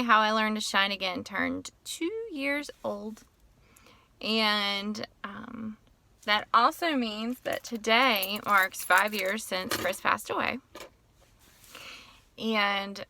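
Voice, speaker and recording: Gravelly, bright-voiced woman vlogging from a car. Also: mid-range voice, dry recording. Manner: emotional, tearful at times, rambling. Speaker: author and teacher. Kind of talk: casual personal vlog. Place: parked car.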